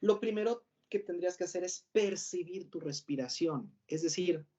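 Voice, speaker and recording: Mexican guy doing a mock lecture as the profe, rambly, keeps correcting himself, mellow voice, kinda muffled lo-fi audio. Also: high voice, moderate pace. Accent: Mexican Spanish. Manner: rambling and self-correcting, with rhetorical questions. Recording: dull lo-fi recording.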